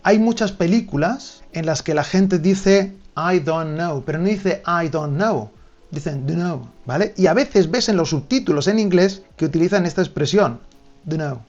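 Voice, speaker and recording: A man's voice: high voice, normal speed, darkish tone, muffled recording, soft background music. A man giving a video lesson on learning languages, explaining directly to the viewer and checking in often. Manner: direct, addresses the viewer with frequent "¿vale?". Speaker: language teacher.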